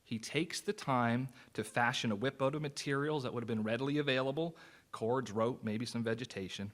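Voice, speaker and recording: A man's voice: medium pitch, a little fast, a bit bright. Earnest male pastor preaching. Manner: earnest, conversational preaching with personal anecdotes. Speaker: associate pastor. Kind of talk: sermon.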